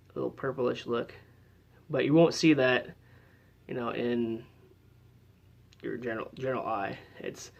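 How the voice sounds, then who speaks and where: A man's voice: mid-range voice, vocal fry. Chatty man explaining gear on a dull recording. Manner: loose, chatty, filler-heavy explaining. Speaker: paranormal investigator demonstrating equipment. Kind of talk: casual how-to demonstration.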